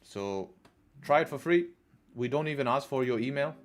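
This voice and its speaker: Chatty and animated, this English livestream trading host speaks at a normal pace in a medium pitch, repeating himself and responding to chat questions in casual stream talk. A little hiss or hum can be heard.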